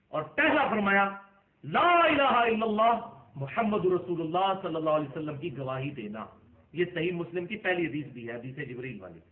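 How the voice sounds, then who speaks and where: A man delivers a religious lecture in a fairly high voice, building arguments and breaking into emphatic bursts. The recording sounds thin and phone-like. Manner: argumentative, rising to emphatic outbursts. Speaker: Islamic lecturer.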